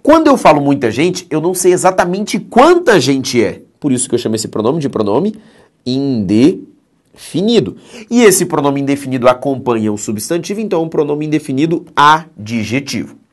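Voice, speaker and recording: Lively Brazilian male grammar teacher. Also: on the high side, moderate pace. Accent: Brazilian Portuguese. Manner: emphatic, keeps checking in with "ok?". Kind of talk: recorded exam-prep lecture.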